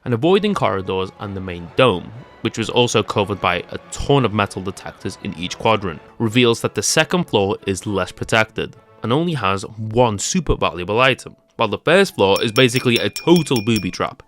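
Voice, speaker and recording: A man's voice: lowish voice, expressive, fairly quick, few pauses, fairly bright tone, soft background music. A young man narrating a scripted tech-comedy video with jokey, sarcastic asides. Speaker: YouTube creator.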